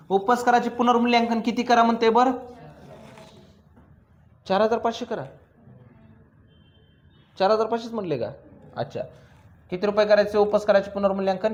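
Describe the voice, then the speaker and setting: A male commerce teacher, lecturing a class and drilling students with quick questions and teasing remarks. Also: sits high, dull audio.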